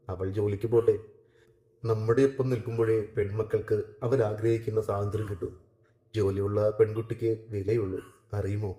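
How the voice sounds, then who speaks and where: A man reading a romantic short story aloud in a steady, measured narration, recorded in an echoey room. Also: fairly low pitch.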